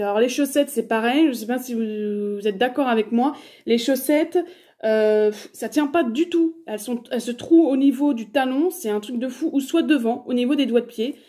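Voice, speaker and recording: A woman's voice: on the high side, moderate pace, dark tone. A woman in her thirties chatting casually through a shopping haul, hesitant and full of fillers. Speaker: haul vlogger.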